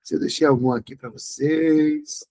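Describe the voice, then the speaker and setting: Gravelly Brazilian man teaching grammar. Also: fairly high pitch, steady tone, moderate pace, darkish tone, low-quality recording. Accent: Brazilian Portuguese. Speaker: Portuguese exam tutor. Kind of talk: exam review class.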